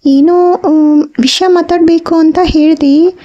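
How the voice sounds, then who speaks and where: A woman's voice: very high-pitched, fairly even intonation, unhurried, dark tone. A woman playing a cheerful young woman, the son's girlfriend, light and curious. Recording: slightly dull audio.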